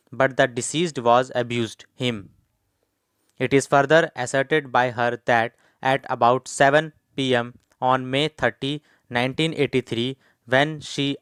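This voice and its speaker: Indian-accented man dictating, smooth and dry. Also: mid-range voice, fairly bright tone, no echo. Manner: dictating in deliberate, evenly timed phrases. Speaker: shorthand dictation instructor. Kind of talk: dictating formal legal text at a steady measured speed.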